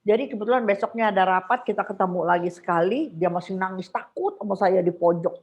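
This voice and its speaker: An older woman on a video call, telling a story in a casual, animated way and acting out her own calls in a high voice. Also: fast, highs cut off. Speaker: guest speaker.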